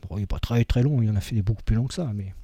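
A man's voice: fairly low pitch, racing, mellow, slightly rough, dry recording. A man hosting a music radio show, chatting casually and rambling with many fillers between tracks.

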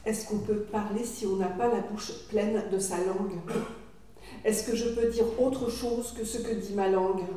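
A woman performing a spoken-word poem in a measured, incantatory, questioning manner. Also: mid-range voice, fairly even intonation, mellow. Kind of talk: spoken-word poetry recitation. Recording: very echoey room, voice from far off.

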